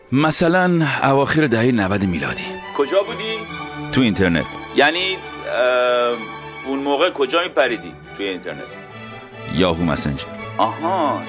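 A male host telling stories in a playful, animated casual chat. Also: mid-range voice.

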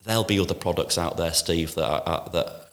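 A man who runs a kitchen appliance shop, answering interview questions in a measured way with many "uh" pauses and restarts. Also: low voice. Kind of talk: business interview.

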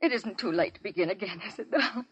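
An actress playing an anxious, tender gangster's sweetheart, emotional and pleading in a vintage radio melodrama. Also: female voice, medium pitch, fast, slightly rough, no echo.

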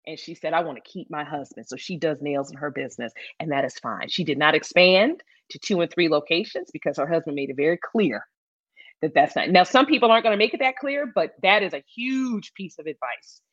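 Woman, middle-aged, from Michigan, emphatic, repeats phrases, lowish voice, dry close sound. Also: lively intonation, brisk, no echo, lo-fi sound. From Michigan, USA. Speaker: salon founder, guest. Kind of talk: conversational interview.

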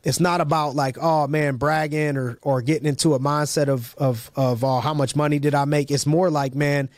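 Brief: male podcast host, slightly higher voice, energetic and rambling, restarts a lot, dry close recording. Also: moderate pace, no echo. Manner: hyped, rambling, many restarts and slang. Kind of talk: casual interview chat.

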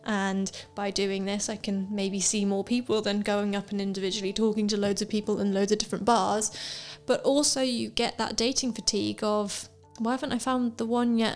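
A woman in her twenties hosting a podcast in casual, chatty talk, laughing easily and using lots of fillers. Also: medium pitch. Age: 20s. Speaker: podcast host. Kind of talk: casual chat.

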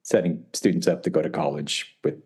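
Man, middle-aged, podcast co-host, casual chat, joking, very low voice, lively pitch. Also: a little fast, creaky, husky. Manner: jokey, does playful put-on voices.

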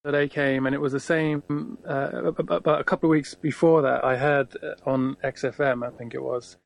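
A man's voice: medium pitch, flat delivery, brisk, gravelly. A man, a guitarist, telling a rambling story in casual conversation, full of fillers and acted-out quotes. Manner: rambling, heavy with fillers, acts out quoted lines. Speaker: guitarist guest.

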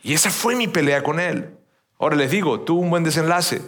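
A man in his fifties, a pastor from Venezuela, preaches to a church congregation in a loose, chatty way. His voice sits high for a man. He stumbles over and repeats words and keeps turning to the listeners with little questions. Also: animated, brisk, fairly bright tone. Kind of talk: conversational sermon.

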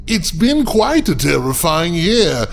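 A man's voice: fairly high pitch, big pitch swings, creaky, soft background music, full character voice. A man playing a sinister librarian who hosts horror tales, theatrical and gloating, drawing out his words. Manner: theatrical, gloating, drawn-out with sly chuckles. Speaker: host character. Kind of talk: scripted horror podcast hosting.

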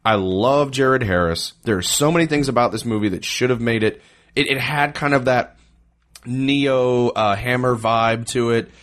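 A man co-hosting a casual film podcast in a measured, conversational way. His humor is dry and teasing, and he moves the show along between reviews. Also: medium pitch, fairly bright tone. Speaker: podcast co-host.

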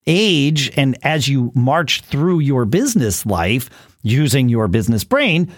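A man co-hosting a casual business podcast, talking in an animated way, often restarting and checking in with "right?". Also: mid-range voice, slow, no room sound, studio quality. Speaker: podcast co-host.

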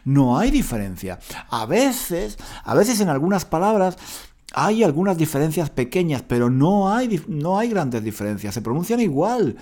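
A man teaching Spanish to learners, explaining pronunciation in a lively way and often repeating or restarting words as he goes. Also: fairly high pitch, normal speed.

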